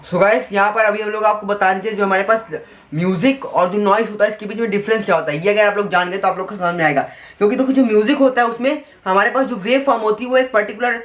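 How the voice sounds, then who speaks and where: A man teaching a physics lesson online, chatting with students and reading textbook lines out slowly. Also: sits high, fairly even intonation, a bit bright. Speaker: physics tutor.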